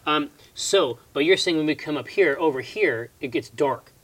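A man's voice: a little high, moderate pace, a bit bright, rough recording. A man playing a tabletop game, wry and joking. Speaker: player. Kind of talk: tabletop role-play chat.

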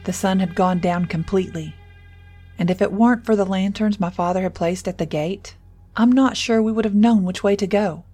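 A woman narrating a scripted horror story in first person, measured and suspenseful. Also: medium pitch, dark tone, soft background music.

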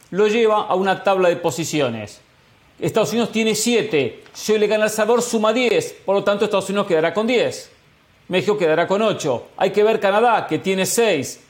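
A man speaking as a football pundit on a talk show, explaining things methodically step by step. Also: sits high. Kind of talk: explanatory sports analysis.

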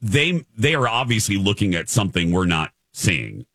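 A man's voice: lowish voice, very animated, normal speed, fairly bright tone, breathy edge, no room sound, clean studio sound. A man hosting a morning radio show, chatty and emphatic, repeating phrases for effect. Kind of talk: radio talk, chatty commentary and teases. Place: dry radio studio.

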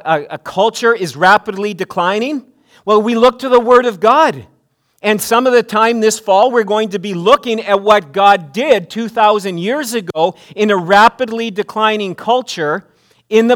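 A man's voice: sits high, a bit bright. A man preaching a sermon at a pulpit microphone in a church, earnest, often restarting phrases and building to emphatic preaching. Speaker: pastor. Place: church sanctuary.

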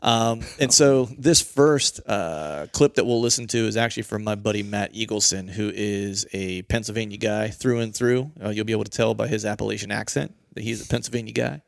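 A man's voice: lowish voice, brisk, vocal fry, few pauses, no room sound, clean studio sound. A man hosting a podcast in a casual, jokey and rambling conversational style. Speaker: podcast host.

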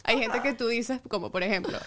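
A woman's voice: on the high side, brisk, crowd noise. A woman in a casual podcast chat telling long, detailed stories and acting out the quotes. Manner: rambling storyteller acting out quotes. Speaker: podcast co-participant.

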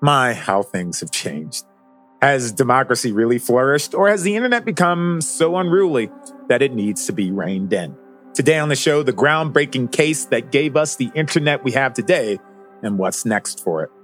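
A man's voice: medium pitch, expressive, normal speed, a bit bright, faint music behind. A man narrating a scripted podcast as its host. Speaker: guest host.

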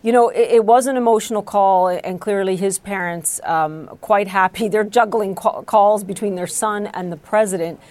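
A woman news anchor presenting from the studio in a brisk, polished manner. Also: mid-range voice, a little mellow, no room sound.

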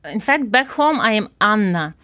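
A woman's voice: mid-range voice, sing-song, moderate pace, fairly bright tone, no room sound, studio quality. A woman physics professor talking in a friendly, light, conversational way in an interview. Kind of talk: casual interview talk.

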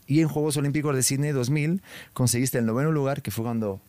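Casting: Spanish-accented male podcast host, playful and teasing, mid-pitched, dry studio sound. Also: steady tone, fast, a little mellow, dry recording. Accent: Spanish from Spain. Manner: playful, laughs often, reads notes aloud. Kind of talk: casual interview chat.

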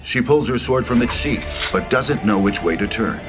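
A man reading screenplay stage directions as narrator in a measured, dramatic manner. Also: medium pitch, animated. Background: music.

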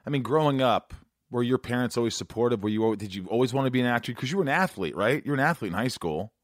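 A man from Indiana, an actor interviewing a fellow actor in a quick, chatty, joking way. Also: medium pitch, animated, no room sound, clean studio sound. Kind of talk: casual interview conversation.

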